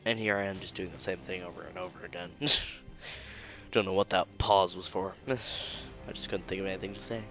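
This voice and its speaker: Young guy w a lowish voice chatting thru his 3d build, chill and self-mocking, a little music behind. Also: fairly even intonation, brisk, a bit bright. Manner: laid-back and self-deprecating, chuckles often, tired from rerecording. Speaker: YouTuber narrating a 3D modeling build. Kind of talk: casual screen-recorded commentary.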